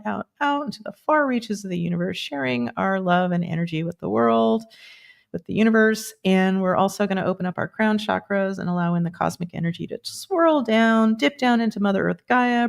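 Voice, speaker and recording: Around sixty, this woman hosts a live stream with a fairly low, creaky voice. She chats casually before leading a group energy meditation, checking quick yes-or-no answers with a pendulum.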